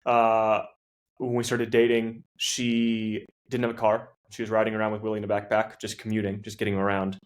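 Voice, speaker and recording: A man, a professional gravel racer, chatting as a podcast guest, rambling through anecdotes with many fillers and restarts. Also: on the low side, monotone, a little fast. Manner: tells anecdotes, acts out quoted people. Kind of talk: casual chat.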